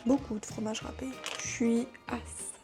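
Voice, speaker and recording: A woman's voice: on the high side, steady tone, moderate pace, music in the background. A young woman in her twenties chatting casually and teasingly while cooking in her home kitchen. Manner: chatty, teasing, talks to herself. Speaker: vlogger. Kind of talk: casual cooking vlog chat.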